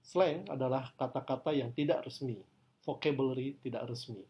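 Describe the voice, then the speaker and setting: A man's voice: mid-range voice, moderate pace, dark tone. A man lecturing on English pronunciation, explaining in his own language and speaking example sentences with exaggerated stress.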